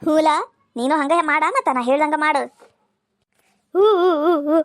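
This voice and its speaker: A woman's voice: high voice, measured pace, no echo. Woman putting on a scheming north karnataka stepmom, fake sweet, nasty in private, totally dry sound. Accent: North Karnataka Kannada. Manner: sweet to the children, snarling behind their backs. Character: scheming grown woman stepmother, two-faced. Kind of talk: cartoon voice acting.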